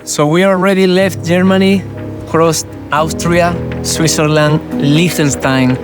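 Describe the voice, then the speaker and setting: A man's voice: fairly high pitch, steady tone, measured pace. A man from southwest Spain, an adventure rider, speaking in a reflective, playful way in a documentary interview. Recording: music bed under interview. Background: music.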